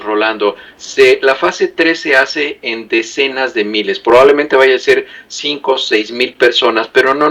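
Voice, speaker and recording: A man, a guest commentator on a talk show, explaining in a measured way with frequent fillers. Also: mid-range voice, pushed and bright.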